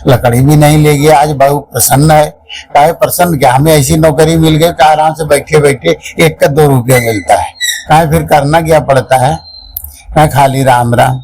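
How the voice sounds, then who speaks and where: A man's voice: on the high side, steady tone, moderate pace, gravelly, a little mellow, low-quality recording. A man tells a devotional parable in a folksy, rambling way, acting out the characters as he goes. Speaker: religious storyteller.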